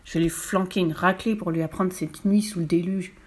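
A brutish grown-up crook, gruff and menacing, barking his threats, as a woman reading the storybook puts him on. The voice is pulled down a little and pushed louder. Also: on the low side, fairly even intonation, fairly quick. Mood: scheming. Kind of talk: audiobook character voice.

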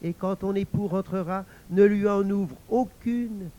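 A man's voice: sits high, a little slow, dark tone, dull audio, voice pushed up. A man reading a tale aloud, voicing an old devil who gives sly, confiding, scheming advice.

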